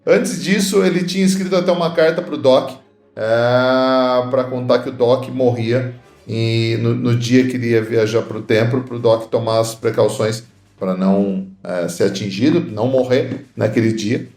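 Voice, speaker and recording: A man's voice: mid-range voice, fairly even intonation, a little slow, a little mellow, reverberant, faint music behind. A man co-hosting a podcast, chatting casually and recounting movie trivia with playful asides. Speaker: podcast co-host. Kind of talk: casual film chat.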